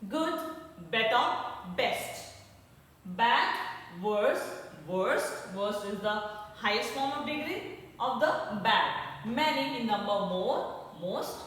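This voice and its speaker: A woman's voice: a little high, animated, slow pace, fairly bright tone. A woman with an Indian English accent teaching a grammar lesson online. She spells words letter by letter and often checks with "okay?". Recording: echoey room, far from the mic.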